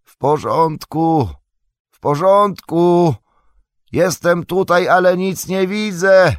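Frodo: a man doing a shaken male hobbit, high, strained, loud, slow calls from below, audiobook. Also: no echo, studio quality. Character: hobbit man, frightened then recovering, blinded on a ledge.

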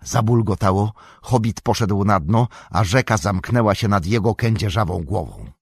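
Husky, expressive male audiobook narrator. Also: fairly low pitch, normal speed, no room sound, clean studio sound. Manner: expressive, animated storytelling. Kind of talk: scripted narration.

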